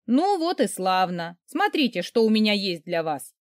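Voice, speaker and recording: A woman voicing a brisk, calm woman pediatrician who coaxes a grown patient like a child. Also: medium pitch, dry recording, studio quality, lightly acted. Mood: coaxing. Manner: soothing, coaxing as if to a child.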